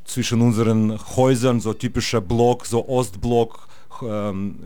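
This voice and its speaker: A Russian guest musician, whose first language is Russian, rambles through a casual interview, full of fillers and restarts. His medium-pitched voice is warm and smooth, with fairly even intonation and an unhurried pace, and the recording has no room sound.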